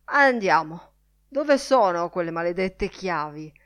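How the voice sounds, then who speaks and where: A woman reader voicing a bustling, blustery male newspaper editor who barks loud, brisk exclamations. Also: lowish voice, lively intonation, dry recording.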